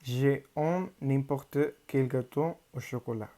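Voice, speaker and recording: This high school student is a teenage boy from Mexico whose native language is Spanish, and he speaks with a Mexican Spanish accent. His warm, mid-range voice carefully and haltingly reads a prepared presentation for class, like a learner.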